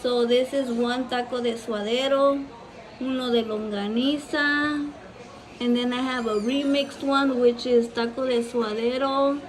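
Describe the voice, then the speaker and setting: A high-voiced woman with a Mexican accent, whose first language is Spanish, chats casually and profanely while cooking in her home kitchen for a vlog. She switches back and forth between English and Spanish. The recording is rough.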